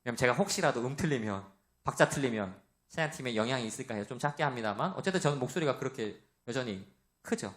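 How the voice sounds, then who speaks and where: A man preaching a sermon to young adults, with a loud voice, asking the congregation questions and acting out the voices he quotes. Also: mid-range voice, expressive, fast talker. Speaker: pastor.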